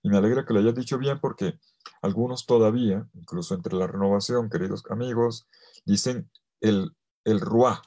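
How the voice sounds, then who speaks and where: A priest teaching theology to a remote audience, his voice low, dark and a little husky. He moves from forceful emphasis down to near-whispered phrases. He slows right down on the words he wants to land. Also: dull audio. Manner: swings between loud emphasis and soft, almost whispered phrases; stretches key words slowly for weight. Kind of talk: theology lecture to a virtual audience.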